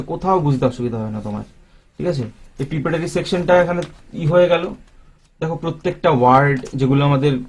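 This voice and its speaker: A man of medium pitch with a Bengali accent talks viewers through a grammar book page by page. His delivery is casual and chatty, and he keeps checking in with the listeners as he goes. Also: darkish tone. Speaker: book reviewer and English teacher. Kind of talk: casual book review walkthrough.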